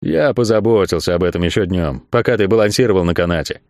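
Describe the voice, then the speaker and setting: A man's voice: deep voice, fast, a little mellow, no room sound, clean studio sound. A man voicing a worried, insistent stage magician eager to move on. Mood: wary. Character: wary, hasty male stage magician.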